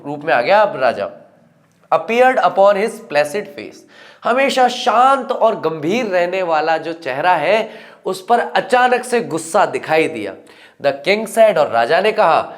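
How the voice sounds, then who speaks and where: A man teaching a lesson, reading English lines slowly and explaining them in casual Hindi with playful acted asides. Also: high-pitched.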